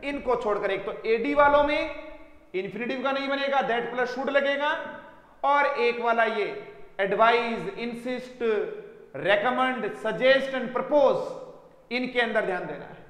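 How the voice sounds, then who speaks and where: A man's voice: very high-pitched, a bit bright. A man teaching English grammar to students in Hindi, calling them dear children and quizzing them with repeated questions. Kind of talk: classroom lesson. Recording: echoey room with long reverb.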